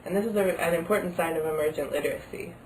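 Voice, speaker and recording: A woman's voice: sits low, fast talker. A woman giving explanatory advice to parents as an early literacy advisor. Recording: slightly distant mic, faint background noise.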